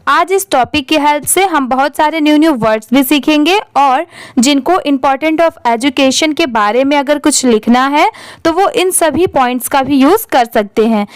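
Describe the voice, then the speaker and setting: A woman's voice: high voice, no room sound. A woman teaching an English reading lesson, spelling each word letter by letter and then saying it. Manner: spells words letter by letter, then says them slowly.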